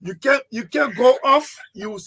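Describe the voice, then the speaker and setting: A Liberian man chats casually on a radio talk show. His voice is husky yet bright and forceful. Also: extremely high pitch, unhurried. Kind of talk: casual chat.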